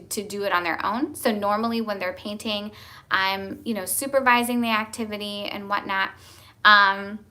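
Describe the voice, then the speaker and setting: A woman's voice: mid-range voice, bright, forceful tone. A young woman, a homeschooling mom, chatting candidly from home and laughing now and then as she tells family stories. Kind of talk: casual chat.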